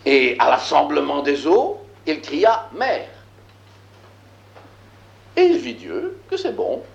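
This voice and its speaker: A man teaching a lesson, reading scripture aloud and explaining it, slow and emphatic, with frequent filler words. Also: on the high side, wildly swooping pitch, creaky, echoey room, muffled recording. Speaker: Bible teacher.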